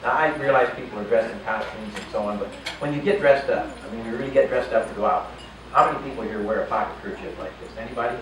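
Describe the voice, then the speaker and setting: An older man works as a stage magician in a casino showroom, trading jokey, chatty banter with audience volunteers as part of his live magic show patter. His voice is mid-range and quick. The recording is echoey, distant, and full of live-room noise.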